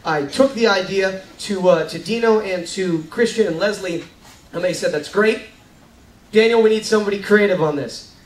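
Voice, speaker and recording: Hosting an amateur show live on a cruise ship deck, a high-pitched man gives the audience an informal stage introduction at a moderate pace. The sound is echoey with faint noise, picked up by a distant mic.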